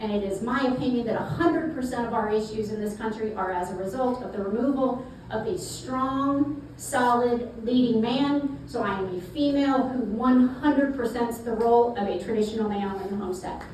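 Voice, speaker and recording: Speaking as a guest to a crowd at a networking event, a middle-aged South Carolina woman chats in a folksy way and tends to repeat words. Her voice is on the high side yet darkish, at normal speed, recorded distantly in an echoey, noisy room.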